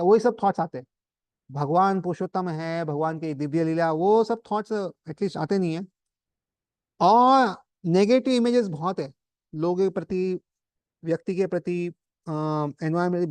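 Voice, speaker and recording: Male spiritual teacher, high voice, dry recording, chatty storytelling sermon style. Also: a little mellow, no echo. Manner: conversational, anecdotal, mixes English terms. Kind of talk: Hinglish devotional talk to a group.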